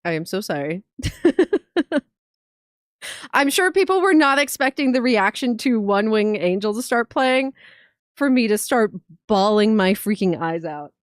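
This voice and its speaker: A woman streamer reacting live, talking in a gushing, excitable way with swearing and laughter. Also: medium pitch, a little slow, no room sound, clean studio sound.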